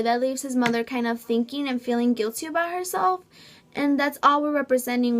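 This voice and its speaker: A woman's voice: high voice, a bit bright. A woman giving an informal, hesitant student presentation, with many ums and likes. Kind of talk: informal class presentation explaining scenes.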